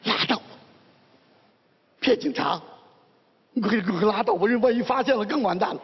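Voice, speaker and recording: A man's voice: sits high, husky, heavily acted. A man playing a timid, hapless husband who whines and frets, in a stage comedy sketch. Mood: fretting. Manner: whiny, fretful, fast comic complaints. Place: theater stage with live audience. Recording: dull audio, reverberant hall.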